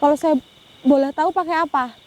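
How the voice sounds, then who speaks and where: A young woman on a ghost-hunting vlog, talking softly and with pity to an unseen spirit and often breaking into Islamic exclamations. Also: high-pitched, steady tone, a little fast. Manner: hushed and pitying, with frequent Islamic exclamations.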